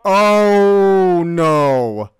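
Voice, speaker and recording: A man's voice: high-pitched, animated, extremely slow, slight background noise. A man hosting a gaming video, giving casual reaction commentary on a horror game. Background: music.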